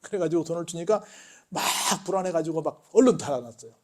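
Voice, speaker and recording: A man's voice: on the high side, fast talker. A male pastor preaching a sermon in a church, asking the congregation questions and telling stories with animation. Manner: call-and-response questions, animated storytelling. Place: church sanctuary.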